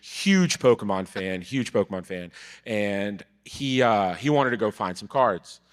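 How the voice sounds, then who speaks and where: A man in his thirties from Brazil, telling his story as a podcast guest in relaxed, casual talk that trails off quietly. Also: lowish voice, a little slow. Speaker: podcast guest, card vendor. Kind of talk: casual chat. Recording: live event hall with long reverb.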